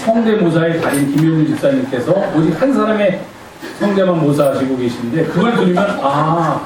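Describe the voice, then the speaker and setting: A man's voice: fairly high pitch, darkish tone, recorded from a distance, slight background noise. A male pastor giving a conversational sermon, playfully quizzing his congregation. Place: church sanctuary. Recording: echoey church hall from afar.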